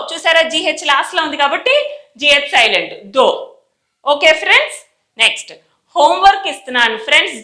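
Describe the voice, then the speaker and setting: A woman tutoring English pronunciation, slowly drawing out example words and repeating each sound. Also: sits high, sharp tone, echoey room. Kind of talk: teaching lesson in Telugu.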